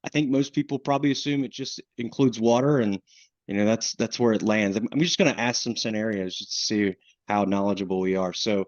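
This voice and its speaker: A man's voice: fairly low pitch, brisk, no room sound. A man with a Southern US accent presenting a webinar on flood insurance in a casual way, with plenty of restarts and fillers. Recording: dull, lo-fi webinar audio.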